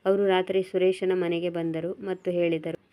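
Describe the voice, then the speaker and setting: A woman narrating a moral storybook tale in a steady, even read-aloud manner. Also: lowish voice, normal speed.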